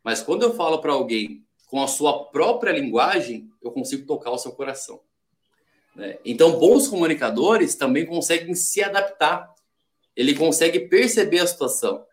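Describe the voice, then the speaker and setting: A man from Brazil talks as a guest on a relaxed podcast. His voice sits a little high for a man, and he lays out ideas in numbered steps, now and then acting out short quoted lines to make a point. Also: normal speed. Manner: explains in steps, acts out quoted examples. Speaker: podcast guest, sales development rep. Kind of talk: casual podcast chat.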